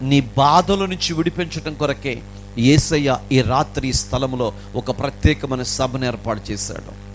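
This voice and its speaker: A man's voice: medium pitch, measured pace, soft background music. A male pastor preaching a sermon at an evening gospel meeting, impassioned, with rhythmic repetition.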